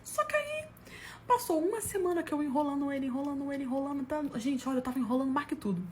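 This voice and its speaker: A woman's voice: sits high, fast, slight background noise. A woman from Brazil telling comic personal stories in a casual way, laughing and acting out what people said. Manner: animated, laughs at her own story, acts out quotes. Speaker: storyteller.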